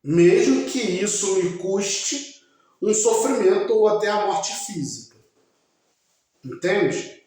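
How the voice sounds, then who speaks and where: A man giving a slow, emphatic religious talk, speaking directly to his listeners. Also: sits high, darkish tone. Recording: very echoey room.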